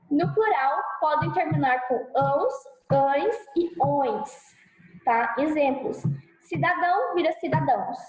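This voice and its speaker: Brazilian lady teacher, high voice, keeps asking "tá?", drags example words out loud, room echoes. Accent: Brazilian Portuguese. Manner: sounds out example words slowly and loudly; checks in often with "tá?" and "né?". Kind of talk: classroom grammar lesson. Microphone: clip-on mic.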